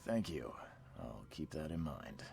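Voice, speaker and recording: A gruff male investigator in a video game. His voice is extremely low and full of gravelly fry. He sounds wary and guarded. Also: very animated, measured pace, warm tone, full character voice.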